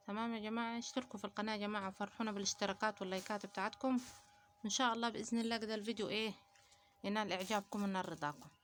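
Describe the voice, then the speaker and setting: A woman from Upper Egypt with an Upper Egyptian Arabic accent hosts a casual home vlog on keeping poultry, speaking in a mid-range voice as she addresses viewers directly, gives advice and uses many pious phrases. There's slight background noise.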